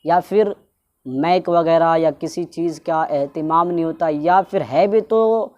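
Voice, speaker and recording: Woman, religious teacher, fairly low voice, explanatory, stretches words to demonstrate pronunciation. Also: mellow, dull audio. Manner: explanatory, repeats points, drags out words to show pronunciation. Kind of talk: religious instruction talk.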